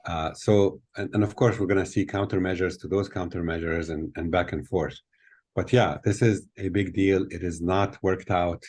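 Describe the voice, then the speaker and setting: A man's voice: deep voice, fairly even intonation, normal speed, a little mellow, slightly rough. An older man born in Tunisia, explaining things thoughtfully with many fillers as a guest speaker on a video call from a hotel room. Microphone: laptop webcam on video call.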